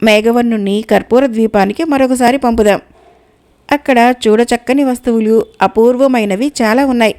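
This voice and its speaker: A woman's voice: a little high, fairly even intonation, normal speed, darkish tone, lightly acted. A woman voicing an ambitious fable king, in an enthusiastic, commanding manner. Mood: eager. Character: eager, ambitious bird king.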